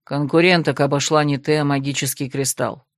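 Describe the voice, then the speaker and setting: A woman voicing a stern, aloof young male necromancer in an audiobook, speaking calmly and with restraint. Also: low-pitched, fairly quick, no echo, clean studio sound, pitched below the performer's own voice, close to an everyday voice. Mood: restrained.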